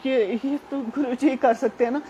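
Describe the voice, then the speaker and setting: A woman's voice: sits high, steady tone, normal speed, dark tone, a little hiss or hum. Earnest woman telling a devotional testimony. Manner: earnest storytelling, addresses listeners directly. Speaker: devotee sharing a personal testimony.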